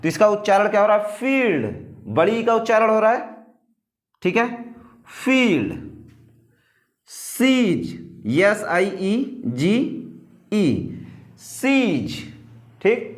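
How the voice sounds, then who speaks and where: High-voiced man teaching slowly. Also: very animated, echoey room. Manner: spells words letter by letter, asks and answers his own questions; slow, drawn-out dictation of rules to copy down. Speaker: English pronunciation teacher. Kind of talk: classroom-style lesson.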